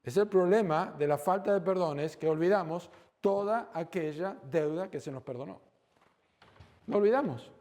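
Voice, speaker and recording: A man's voice: a little high, mellow. A man from Argentina with a Rioplatense Spanish accent, preaching a sermon as pastor, acting out little dialogues and asking rhetorical questions. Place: church.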